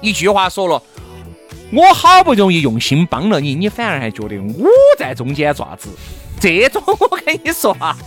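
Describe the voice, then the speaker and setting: A man's voice: a little high, wildly swooping pitch, moderate pace, a bit bright, faint music behind. A man with a Sichuanese accent, lecturing animatedly in casual chat.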